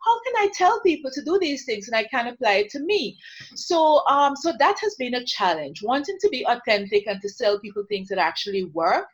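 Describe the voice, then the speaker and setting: A woman's voice: fairly high pitch, sing-song, a little fast, highs cut off. A woman from Guyana, a counsellor, talking earnestly and reflectively as an interview guest.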